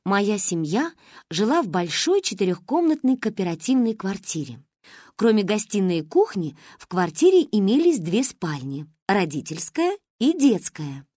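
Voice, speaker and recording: Expressive woman reading an audiobook. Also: mid-range voice, moderate pace, no room sound, studio quality. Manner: expressive, lively storytelling. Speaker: narrator. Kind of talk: audiobook narration.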